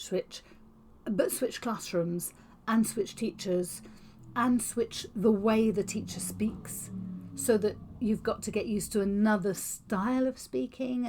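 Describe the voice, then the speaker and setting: A woman talks to camera in a quick, informal teaching style. She speaks with big, clearly shaped mouth movements and a steady, mid-pitched voice. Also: slight background noise. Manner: fast-talking, gestures a lot, exaggerated mouth movements. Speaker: educator on auditory processing. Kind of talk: informal explanatory talk to camera. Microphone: talking to camera on video.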